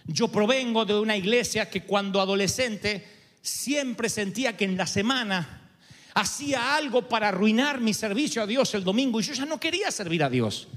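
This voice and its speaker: A man preaching a sermon as pastor, lively and rhetorical, asking his listeners questions. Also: high-pitched, moderate pace. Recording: long hall reverb.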